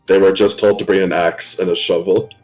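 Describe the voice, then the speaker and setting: Very deep-voiced man running a tabletop game. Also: little pitch movement, fairly quick, darkish tone, soft background music, low-quality recording. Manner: casual, stammering restarts, laughs often. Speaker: game master. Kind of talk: narrating a tabletop role-play game. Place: home room, live stream.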